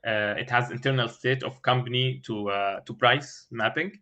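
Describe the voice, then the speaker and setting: A man explaining a technical design as an interview candidate, haltingly, searching for words with many filled pauses and repeated starts. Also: mid-range voice, fairly even intonation, pushed and bright. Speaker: engineering candidate in a mock system design interview. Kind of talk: thinking aloud through a technical design explanation.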